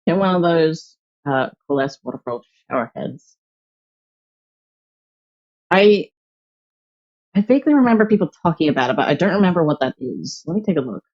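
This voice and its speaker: A young adult streamer chats at a mid-height pitch while working on art, musing aloud in loose, filler-heavy sentences. The audio comes through a little dull, like a basic home stream mic. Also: sing-song, moderate pace, pauses often. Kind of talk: casual chat while drawing.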